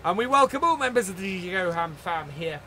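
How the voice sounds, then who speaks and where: A man's voice: high voice, big pitch swings, fast talker, sharp tone, slight background noise. A man hosting a live gameplay stream, chatting casually and greeting viewers by name while he plays. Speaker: livestream host.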